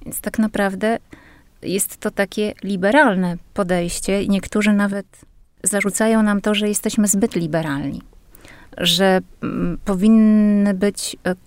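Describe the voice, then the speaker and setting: A woman linguist explaining language rules in a measured, patient way, speaking as a guest on a radio interview. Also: mid-range voice, fairly even intonation, a little mellow, no room sound.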